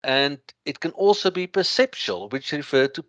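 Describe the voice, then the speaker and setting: A man with a thick Afrikaans accent lecturing through slides, explaining in a halting way with everyday examples. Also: on the high side, very animated, fairly bright tone, no echo, muffled recording.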